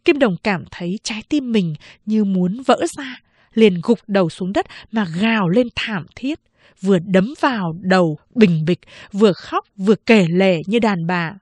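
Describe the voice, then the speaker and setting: A woman narrating a novel in a steady, measured storytelling manner on a close microphone. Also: medium pitch, no echo. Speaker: audiobook narrator.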